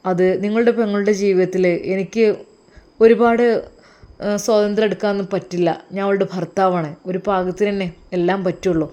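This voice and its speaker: Woman doing a strict tired husband, malappuram accent, pitch pushed down, quiet and firm. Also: highs cut off, natural voice. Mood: firm phone call. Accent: Malappuram Malayalam. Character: stern religious husband, firm and weary.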